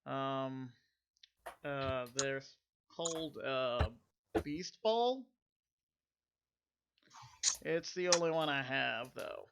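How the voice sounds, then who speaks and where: A man voicing a friendly young farm boy, with a put-on, bad southern US accent and a hesitant, halting delivery. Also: medium pitch, expressive, vocal fry, noisy background, exaggerated voice. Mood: wistful.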